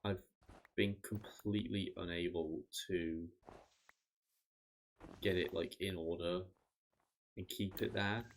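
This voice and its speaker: A man streaming a game, chatting casually and rambling with frequent restarts, his voice tired and going hoarse. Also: deep voice, fairly even intonation, slow, pauses often, slight background noise. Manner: rambling, self-interrupting, swears casually. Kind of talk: casual gameplay chat.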